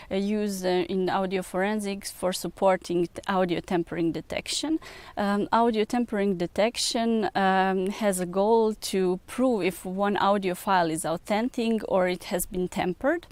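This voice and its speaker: A young woman from Serbia with a Serbian accent, a researcher speaking in an interview, pausing often with many filler sounds. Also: mid-range voice, a little mellow, clear, resonant tone, no echo. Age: young adult. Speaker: researcher and PhD student. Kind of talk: recruitment video interview.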